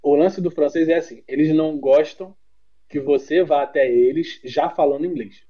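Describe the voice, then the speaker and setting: The lo-fi clip features a Brazilian man whose voice is a little high, talking at a moderate pace in a Brazilian Portuguese accent. As a podcast guest in casual conversation, he's blunt, swears freely and tells stories with animation.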